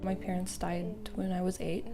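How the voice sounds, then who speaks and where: A woman's voice: lowish voice, little pitch movement, moderate pace, over music. A woman from Haiti, speaking earnestly and emphatically in a documentary interview. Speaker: refugee interviewee. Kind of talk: documentary interview, personal account. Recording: crowd chatter behind.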